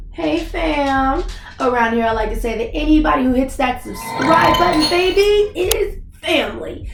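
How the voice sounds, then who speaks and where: A woman with a slightly wheezy voice gives casual, playful, slangy and expressive movie reaction commentary as host of her channel. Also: on the high side, creaky, echoey room. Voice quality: slightly wheezy voice after a recent cough.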